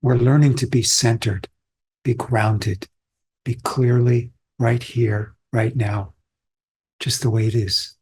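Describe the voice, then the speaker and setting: A man from Austria giving a calm, reflective dharma talk as a Zen teacher, unhurried and pausing often. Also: medium pitch, slightly rough.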